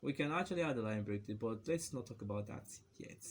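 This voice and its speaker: A man walks through a coding tutorial in a loose, joking way, chuckling at his own asides. His voice is low-pitched and gravelly with a bit of fry. A faint hiss of noise sits under the recording. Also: expressive, brisk. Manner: chatty and playful, laughs at his own jokes. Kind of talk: casual screen-recorded coding lesson.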